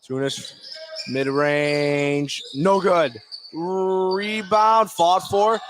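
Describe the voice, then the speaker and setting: Courtside in an indoor high school gym, a man calls live basketball play-by-play for radio in short, clipped, fragmentary phrases. His voice is high and fairly even in intonation, he speaks extremely slowly, and there's a slight hiss or hum.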